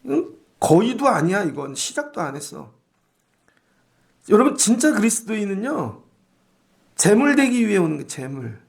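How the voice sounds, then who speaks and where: A middle-aged male pastor preaching a dawn sermon in a lively, colloquial way, acting out quotes of people as he goes. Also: high-pitched, moderate pace, creaky, long pauses.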